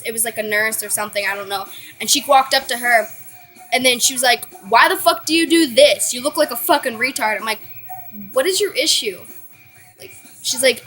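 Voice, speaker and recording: Young woman, vlogger, blunt, profane, bright tone, faint background music. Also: on the high side, poor audio. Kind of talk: casual storytelling to camera.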